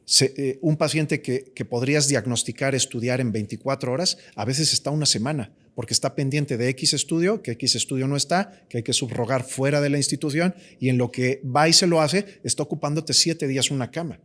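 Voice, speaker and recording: A man's voice: medium pitch, brisk, few pauses, a bit bright. A man with a Mexican Spanish accent, a physician talking as a guest in a podcast conversation, emphatic and often repeating words as he thinks.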